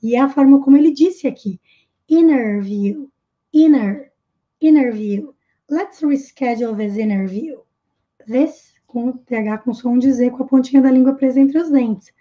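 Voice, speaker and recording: A woman teaching a live online language lesson, drilling pronunciation slowly and deliberately. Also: high-pitched, dull audio. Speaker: English teacher.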